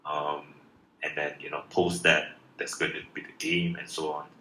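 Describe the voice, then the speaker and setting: Low-voiced hesitant man in an echoey room. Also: level tone, normal speed, pushed and bright. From Malaysia. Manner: hesitant, many fillers and restarts. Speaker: project founder. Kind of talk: casual live Q&A answers. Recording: echoey room with faint noise.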